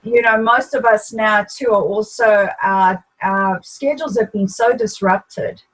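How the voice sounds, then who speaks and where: Husky-voiced woman hosting an interview. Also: medium pitch, measured pace, a bit bright, rough recording. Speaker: host. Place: video call.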